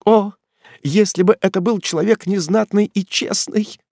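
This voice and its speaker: A man voicing a frightened, devoted young daughter in an audiobook, speaking in a high, pleading tone. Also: steady tone, normal speed, gravelly, darkish tone, no room sound, clean studio sound. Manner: pleading, anxious.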